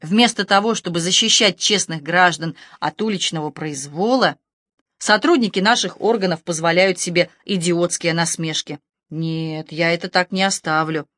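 A woman voicing a haughty, sharp-tongued rich woman who talks down to the police, with cutting sarcasm. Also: on the low side, no room sound, studio quality. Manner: sarcastic, imperious.

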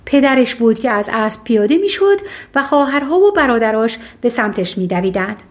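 Woman narrator, fairy tale audiobook, calm, even, slightly high-pitched.

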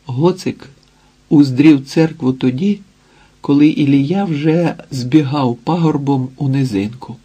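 A male narrator reads a literary novel slowly, pausing for effect. His voice is dark and mellow, with a husky grain. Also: mid-range voice. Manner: measured, with dramatic pauses. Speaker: audiobook narrator.

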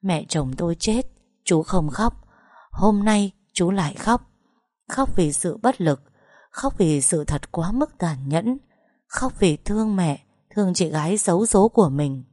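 A woman's voice: fairly low pitch, expressive, measured pace, dark tone, dry recording, clean studio sound. A woman narrating a first-person dramatic story with emotional, tense storytelling.

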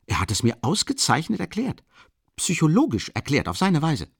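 A man reading an excitable young man who rambles and breaks off mid-sentence. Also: fairly high pitch, moderate pace, gravelly, slightly rough, dry recording, clean studio sound, heavily acted. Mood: emphatic. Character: agitated young man, excitable, talkative friend.

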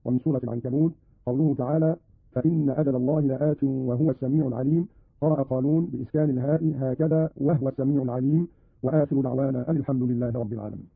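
A man with a husky, slightly breathy voice explains scripture readings in a formal, teacherly way, pausing to quote each example. The sound is thin and tinny like a phone line, and dry with no room echo. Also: mid-range voice. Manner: measured, didactic, quotes verses as examples. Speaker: radio presenter explaining Quran readings. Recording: tinny archive radio broadcast.

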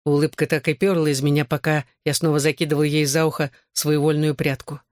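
An audiobook reader giving wry first-person narration in an even manner. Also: medium pitch, a little fast, no echo, studio quality.

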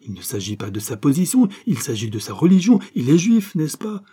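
A man's voice: medium pitch, moderate pace, mellow, slightly rough, close to an everyday voice. A man reading aloud, voicing a proud, domineering old paralysed woman in indignant outbursts.

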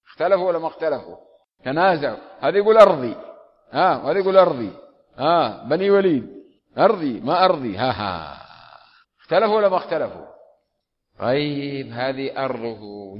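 Male preacher, questions the audience, slightly high voice, lo-fi hall recording. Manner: asks the audience repeated questions. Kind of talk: sermon. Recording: dull lo-fi audio with long hall reverb.

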